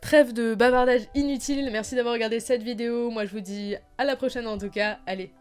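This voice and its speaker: A woman's voice: a little high, steady tone, brisk, music in the background. A young woman in her late teens chatting casually in an unboxing vlog, rambling with many fillers and restarts. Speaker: YouTuber.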